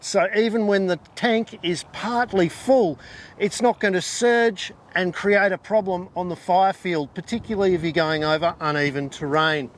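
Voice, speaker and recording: Higher-voiced Australian man hosting a review. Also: a little hiss or hum. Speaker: host of a product review. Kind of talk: informal product presentation and chat.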